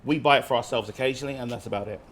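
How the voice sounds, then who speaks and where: A man's voice: medium pitch, very fast, fairly bright tone. A man from Barbados, casually explaining dishes as a street-food cook in a cooking demonstration. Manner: informal, explanatory.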